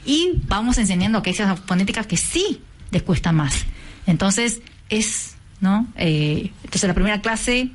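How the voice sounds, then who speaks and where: A woman's voice: medium pitch, animated, unhurried. A woman with an Argentine accent, president of a cultural association, patiently explaining lessons in a radio interview. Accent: Argentine Spanish. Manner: patient, teacherly, sings out tones to demonstrate.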